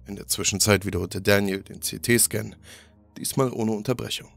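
Man, horror story narration, steady and grave, lowish voice, soft music underneath. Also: moderate pace, vocal fry. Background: faint music.

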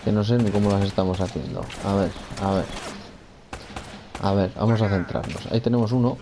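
A gamer with a fairly low, fairly even-toned voice gives brisk, casual let's-play commentary, talking to himself and his character, repeating phrases, and cursing at enemies. There's a noisy background.

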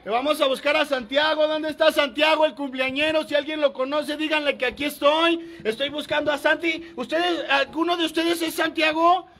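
A Mexican man vlogging at a primary school, joking playfully and calling out loudly. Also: extremely high pitch, fairly even intonation, normal speed, hardly any pauses, a little hiss or hum. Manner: playful, teasing, calls out loudly. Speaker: vlogger delivering a birthday gift. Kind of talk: casual joking vlog chat. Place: outside and inside a primary school.

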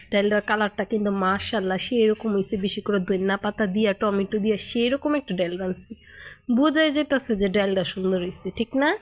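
A woman from Bangladesh with a Munshiganj Bengali dialect, chatting casually to her viewers as a cooking vlogger and often checking they follow along. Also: mid-range voice. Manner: chatty, keeps asking viewers "right?". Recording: home video with clear background noise.

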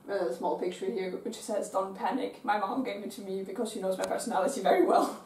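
A young woman from Austria answering interview questions in a small dorm bedroom, calm and reflective. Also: mid-range voice, fairly quick, slight background noise. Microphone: far camera. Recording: roomy, distant camera sound.

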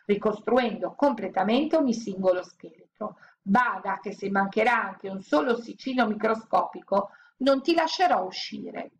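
A woman's voice: mid-range voice, expressive, normal speed, hardly any pauses, a little hiss or hum, lightly acted. A woman voicing a living stone statue of a young woman who gives commands and teases. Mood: commanding.

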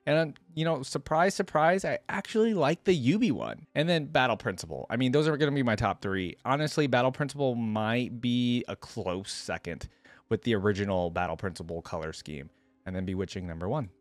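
A young adult man hosts casual, chatty reaction commentary, thinking aloud and offering his opinions. His mid-range voice moves briskly, recorded on a close desktop microphone with a headset on and no room sound.

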